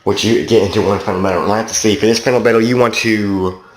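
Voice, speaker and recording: A man's voice: fairly low pitch, steady tone, fast talker. A man from Canada giving a loose, meandering and profane game review in a casual tone. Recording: roomy echo, faint noise.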